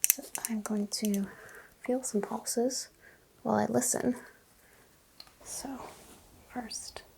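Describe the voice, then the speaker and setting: A woman whispering softly and calmly as a doctor in an ASMR roleplay exam, giving gentle clinical instructions close to the mic. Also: a little high, slow pace, vocal fry, slight background noise, poor audio. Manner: soft, calm, clinical bedside whisper.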